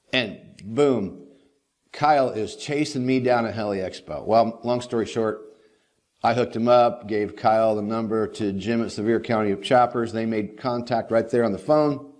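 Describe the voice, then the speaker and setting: A man's voice: fairly low pitch, normal speed, darkish tone. A middle-aged man hosting a daily helicopter training video, rambling in a folksy casual way with lots of "you know". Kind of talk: casual talking-head monologue.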